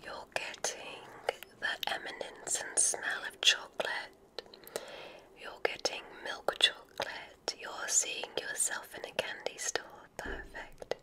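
Whispering softly and breathily, a woman takes the role of a supportive witch examiner at a school of magic for an ASMR roleplay. She goes slowly, soothingly and with gentle enthusiasm, pausing deliberately; it is lightly acted in a rough recording.

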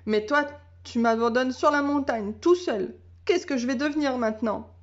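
A woman's voice: high voice, moderate pace, voice pushed up, natural voice. A woman voicing a big, timid young male dog who yelps and whines anxiously in a storybook. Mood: sulky, sad. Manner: yelping barks, then anxious complaining. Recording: dull lo-fi sound.

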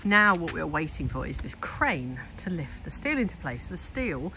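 A woman with a deep voice and big pitch swings talks at normal speed while touring a garden building site, vlogging casually about her home renovation. She thinks aloud into a handheld phone camera, and the recording is very noisy.

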